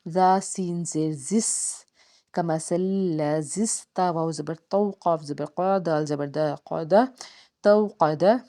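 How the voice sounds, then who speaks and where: Speaking in a low, warm voice, a woman spells out each letter and vowel of the Quran syllable by syllable. It's a slow, measured lesson on tajweed recitation rules.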